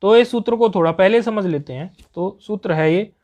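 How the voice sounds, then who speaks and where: A man's voice: sits high, normal speed, darkish tone. A man teaching Sanskrit grammar in a patient lesson, repeating each point and checking that students follow.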